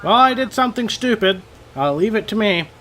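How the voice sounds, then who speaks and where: A young man giving casual, rambling commentary over his racing game, a little hoarse and self-deprecating, with many fillers. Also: high-pitched, lively intonation, fairly quick, a bit bright, slight background noise. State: slightly losing his voice. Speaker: gaming channel host.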